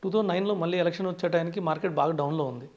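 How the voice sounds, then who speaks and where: This is a Telugu-accented finance expert being interviewed, talking very fast in a fairly high, slightly mellow voice. He weaves English terms into his explanations and often starts sentences with "so".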